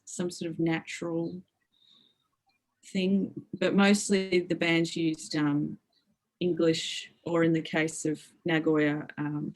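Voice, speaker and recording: This middle-aged woman has a lowish voice, captured in a rough recording. As a media lecturer and interview guest in an academic conversation, she thinks aloud thoughtfully, hedging and restarting with plenty of fillers.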